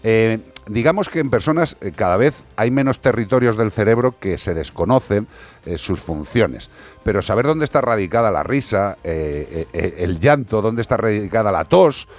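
A man from hosting a radio show as a veterinarian, explaining things in a wry, casual way with drawn-out asides. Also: lowish voice, lively intonation.

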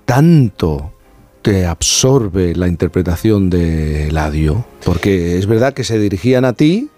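A man's voice: deep voice, animated, unhurried, dark tone, faint music behind. A man, hosting a radio interview and pressing his guest with insistent questions.

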